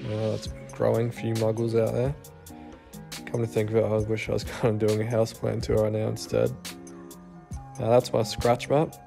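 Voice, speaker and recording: A young Australian man giving a relaxed, self-deprecating voice-over walkthrough of his renovated house. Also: on the low side, moderate pace, creaky. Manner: laid-back, self-deprecating. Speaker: home renovation vlogger. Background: soft guitar music.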